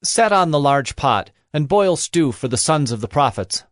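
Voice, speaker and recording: A man's voice: a little high, lively intonation, normal speed, dry recording, clean studio sound, lightly acted. A man voicing an old male prophet in a scripture reading, giving firm, declaiming commands. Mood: commanding.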